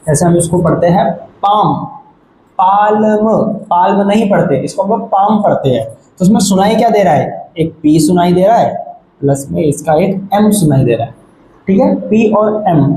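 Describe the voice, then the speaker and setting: A man's voice: high-pitched, mellow. A man teaching shorthand at a board, explaining step by step and checking in often to make sure his students follow. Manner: patient, repeats "ठीक है" to check understanding. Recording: echoey room, faint background noise.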